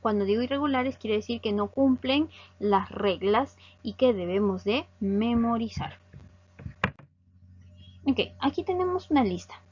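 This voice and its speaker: A woman's voice: on the high side, lively intonation, measured pace. A woman teaching English grammar over slides, explaining patiently step by step and often checking understanding. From Peru. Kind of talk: recorded slide lesson. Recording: dull lo-fi audio.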